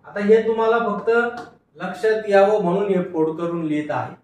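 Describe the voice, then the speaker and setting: Male teacher, phonics lecture, patient and repetitive, higher voice, distant mic, very echoey room with faint hiss. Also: normal speed, darkish tone. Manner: patient, repeats each word and asks pupils to read along.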